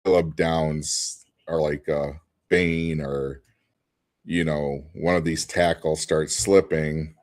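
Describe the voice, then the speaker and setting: A man's voice: very deep voice, steady tone, takes it slowly, a little mellow. A man co-hosting a casual sports podcast, his voice cutting in and out over an online call as he talks in a loose, rambling way. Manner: loose, rambling talk with fillers. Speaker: podcast co-host.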